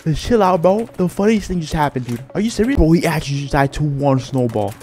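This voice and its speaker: A male gaming YouTuber giving excitable, slang-heavy live commentary while he plays. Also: a little high, quick pace, slight background noise. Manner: excitable, slangy, says "bro" constantly.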